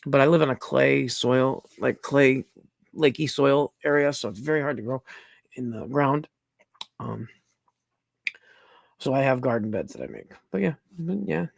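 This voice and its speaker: A man's voice: medium pitch, vocal fry, no echo, studio quality. A middle-aged man hosting a casual livestream, talking bluntly, rambling and swearing freely as he demonstrates things. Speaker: livestream host.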